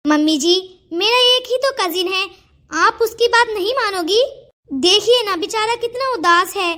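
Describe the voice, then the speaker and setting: A woman voicing a polite young daughter-in-law gently persuading her mother-in-law in a cartoon. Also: extremely high pitch, expressive, measured pace, heavily acted. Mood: coaxing. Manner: sweetly persuasive. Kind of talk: cartoon voice acting.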